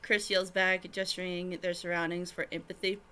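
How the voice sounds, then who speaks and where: A woman's voice: on the low side, level tone, normal speed, sharp tone, smooth. A woman streamer reading her fan fiction aloud, giggling and breaking off to explain to friends.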